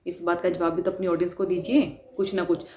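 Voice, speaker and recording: Low-voiced woman giving earnest commentary. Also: level tone, fast, warm tone. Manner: earnest, questioning, emphatic. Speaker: vlogger commenting on a controversy. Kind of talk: spoken commentary. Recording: roomy with faint noise.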